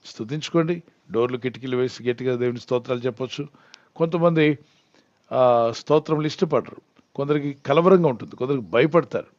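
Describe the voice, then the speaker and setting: A man in the role of a pastor, teaching in an earnest way and asking questions that he answers himself. His voice sits at an ordinary middle pitch. The recording is dry and a little dull. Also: fairly quick, pauses often, a little mellow, dry recording. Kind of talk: Bible Q&A teaching.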